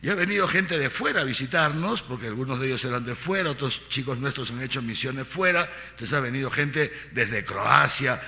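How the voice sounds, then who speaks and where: A middle-aged man preaches a catechesis as archbishop, firing off rhetorical questions and repeating his points. His voice is very forceful and sharp. A long reverb trails after him through a large church hall. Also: medium pitch. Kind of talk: catechesis talk to a congregation.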